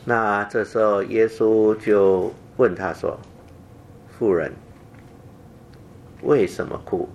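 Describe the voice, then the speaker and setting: Low-voiced man teaching a Bible passage. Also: a little mellow, muffled recording, a little hiss or hum. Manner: halting, repeats phrases, many fillers. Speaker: preacher.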